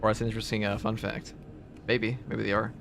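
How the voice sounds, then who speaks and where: A man's voice: fairly low pitch, quick pace, vocal fry, noisy background. Laid-back man streaming a game. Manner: relaxed, rambling, many "like" fillers. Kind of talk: casual livestream commentary answering chat. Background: game music and sound effects.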